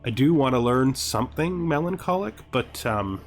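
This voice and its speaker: Over background music, a man hosting a gaming series talks at normal speed in an expressive, medium-pitched voice. He casually comments on his gameplay, thinking out loud with rhetorical questions and exasperated asides and now and then reading game text aloud.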